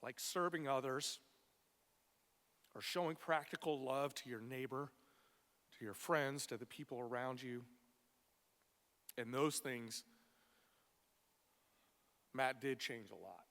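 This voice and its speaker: A man delivering a prepared funeral eulogy for a friend, tender and measured, in short phrases with weighted pauses. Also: mid-range voice, a bit bright. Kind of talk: prepared memorial speech. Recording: long echoing reverb of a hall.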